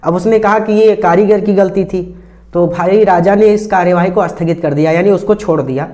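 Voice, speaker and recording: A man teaching an English lesson, explaining each phrase slowly and repeating it in several ways. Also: high-pitched, fairly even intonation, a little mellow. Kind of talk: line-by-line Hindi explanation of an English text.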